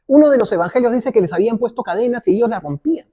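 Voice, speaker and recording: A man's voice: extremely high pitch, expressive, rapid-fire, dark tone. A male pastor preaching a sermon in a conversational way, often checking in with the congregation and briefly acting out little quotes.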